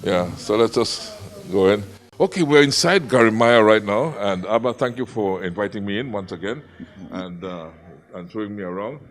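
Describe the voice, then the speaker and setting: A man's voice: on the low side, moderate pace. A middle-aged man hosting a casual on-site interview, chatty and prone to repeating words. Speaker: host.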